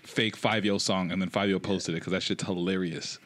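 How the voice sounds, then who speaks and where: A man's voice: low-pitched, fairly even intonation, a little fast, fairly bright tone, dry recording. A man hosting a podcast with casual, slangy banter. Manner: slangy, informal. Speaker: podcast host.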